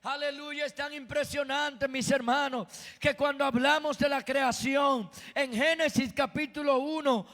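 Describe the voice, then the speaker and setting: A man preaching a sermon from a pulpit microphone in church, emphatic and often breaking into shouts. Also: very high voice, long reverb tail.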